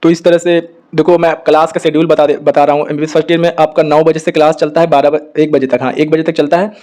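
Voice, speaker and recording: A young man, a doctor, giving casual advice to students and checking in with "okay" after almost every point. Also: a little high. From India. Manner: talks fast in a flat tone, with constant "ठीक है" check-ins. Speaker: doctor giving study guidance.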